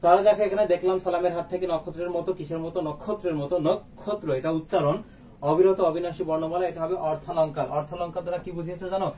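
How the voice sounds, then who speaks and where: A man's voice: high voice, steady tone, racing, mellow, muffled recording. A man teaching a live online exam-prep class, asking questions and then answering them himself. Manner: quizzing, rhetorical questions and answers. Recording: faint background noise, slightly distant mic.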